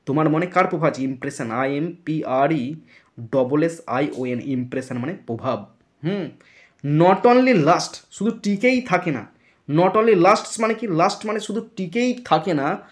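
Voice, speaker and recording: A man's voice: a little high, expressive, measured pace. Man teaching grammar, spelling words aloud. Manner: explains step by step, spells words letter by letter; checks understanding with repeated questions. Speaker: English teacher. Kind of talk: classroom grammar lesson.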